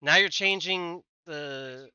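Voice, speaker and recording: A man's voice: on the high side, takes it slowly, bright, forceful tone, smooth, no echo, highs cut off. A man streaming a game, chatting casually with a teammate, swearing often and trailing off mid-sentence. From United States. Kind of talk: casual gaming chat.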